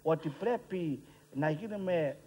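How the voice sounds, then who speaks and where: Husky man moderating a panel debate. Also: fairly high pitch, expressive, warm tone, dull audio. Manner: polite, repeatedly asks leave to speak, repeats catchphrases. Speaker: discussion moderator.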